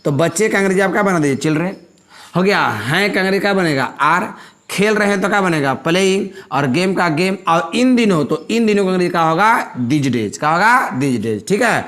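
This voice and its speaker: A man's voice: high-pitched, fairly quick, fairly bright tone. A man teaching English grammar in a classroom-style lesson, repeating each example sentence and asking rhetorical questions.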